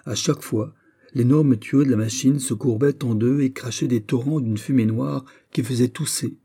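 A male narrator reads a classic novel aloud in audiobook style. His voice is deep in color, very dark and mellow, with a husky grain. He reads expressively and raises his voice on exclamations. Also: steady tone, normal speed.

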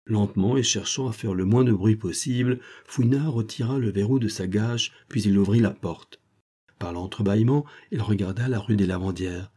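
A man narrating an audiobook in a steady, measured storytelling manner. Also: fairly low pitch, husky. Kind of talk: scripted narration.

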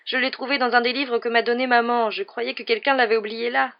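A frightened young girl, tearful and small-voiced, pitched higher than the narration, as an audiobook reader puts her on. The recording is dull and lo-fi. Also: flat delivery, brisk, vocal fry, lightly acted.

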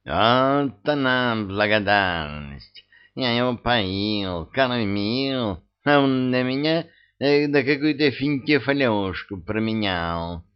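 A man's voice: mid-range voice, expressive, slow, smooth. A man voicing a grumpy, greedy talking cat with a hissing, indignant manner. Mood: aggrieved. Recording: dull lo-fi audio.

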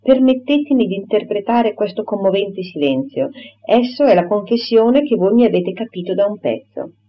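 A woman's voice: medium pitch, expressive, moderate pace, natural voice. A woman voicing a flowery, self-important young clergyman who courts effusively and takes offense, on a dull lo-fi recording. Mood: ardent. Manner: effusive, formal and wounded pride.

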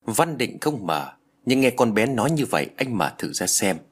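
A man narrating a ghost story with a dramatic, expressive reading. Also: mid-range voice, normal speed, husky.

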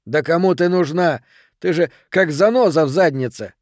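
A man voicing a pushy, hot-tempered young man who blusters and shouts. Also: on the high side, normal speed, no echo, clean studio sound, pitched above the performer's own voice, lightly acted. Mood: furious.

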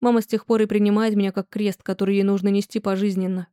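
Gentle young mom, woman reading her, soft and mellow, dry. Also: mid-range voice, level tone, quick pace, clean tone, dry recording, natural voice. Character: gentle tearful young mother.

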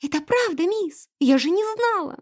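A woman reading an audiobook voices a timid teenage housemaid who squeaks and pleads, close to tears. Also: big pitch swings, slow pace, darkish tone, no room sound, heavily acted. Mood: frightened, tearful.

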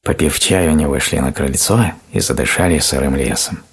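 A man reading a fairy tale aloud in a slow, gentle, calm storybook narration. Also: a bass voice, slightly rough.

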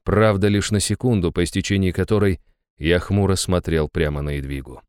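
A man narrating a first-person fantasy audiobook in an even, measured way, close to the mic. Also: low voice, clear, resonant tone, no room sound.

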